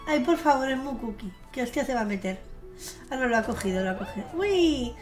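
A woman's voice: a little high, expressive, fairly quick. A young woman commenting on a game she plays, chatty, swearing casually and breaking into gushing squeals. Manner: gushing, squealing outbursts of delight. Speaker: streamer. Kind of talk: gameplay commentary. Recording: faint game music behind her.

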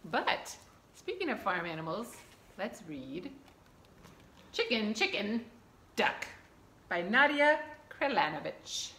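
A middle-aged children's librarian leads a toddler storytime, reading aloud and counting along in simple, short, repeated phrases. Her mid-range voice is pushed and bright, with big pitch swings, a slow pace, and frequent pauses. She's in a small indoor room with a curtain backdrop, and the echoey recording has clear background noise.

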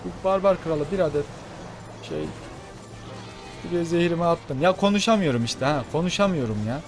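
A young man giving fast, excitable gameplay commentary, talking to his viewers like friends. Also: a little high, faint music behind. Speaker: gaming channel host.

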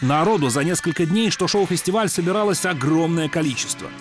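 A man giving scripted documentary narration in an even, informative way. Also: on the high side, fairly quick. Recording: narration over loud music.

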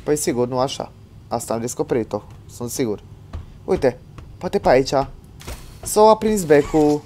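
A man streaming a horror game live, chatting with his viewers and yelping and shouting at every scare; he says he is tired from all the screaming. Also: on the high side, very animated, slight background noise. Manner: jumpy, yelps and shouts when scared, talks to chat. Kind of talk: live gameplay commentary.

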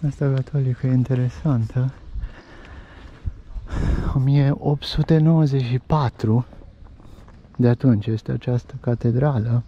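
A man's voice: mid-range voice, steady tone, pauses often. Chatty man giving an outdoor walking tour. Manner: chatty, points out sights and prices as he walks. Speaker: travel vlogger. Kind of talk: casual walking-tour commentary. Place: outdoors in a pedestrian old town. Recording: lo-fi outdoor recording with street noise.

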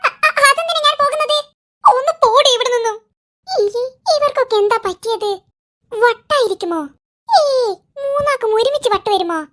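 A performer voicing squabbling cartoon kids and their mother, bickering in a squeaky, sped-up comic style. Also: animated, normal speed, fairly bright tone. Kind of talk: cartoon character voices.

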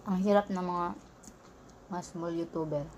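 A woman's voice: on the low side, steady tone, measured pace, a little mellow, lo-fi sound, a little hiss or hum. Woman chatting while chewing her food. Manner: chatty, keeps addressing viewers as guys. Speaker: vlogger. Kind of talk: casual mukbang vlog chat.

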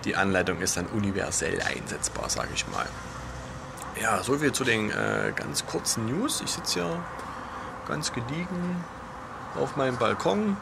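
A young man chatting casually to his vlog viewers in a hushed undertone close to a whisper, outdoors on a balcony. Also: lowish voice, big pitch swings, unhurried. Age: young adult. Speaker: gaming vlogger. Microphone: camera at arm's length. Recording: clear outdoor street noise.

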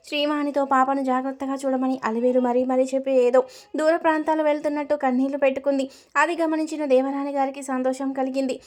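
A woman narrating a serial family story in a steady, even storytelling manner. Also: high-pitched.

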